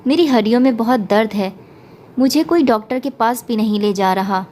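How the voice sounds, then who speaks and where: A woman voicing a distressed young wife in a spoken story, pleading through tears with a slightly high voice. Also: a little mellow, a little hiss or hum, lightly acted. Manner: pleading, tearful.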